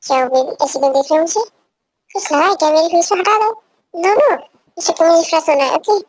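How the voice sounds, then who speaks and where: A woman's voice: very high voice, expressive, fast talker, no room sound, rough recording. A young woman voicing an innocent, timid young man who pleads in an amateur fan dub. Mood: pleading. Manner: pleading, plaintive.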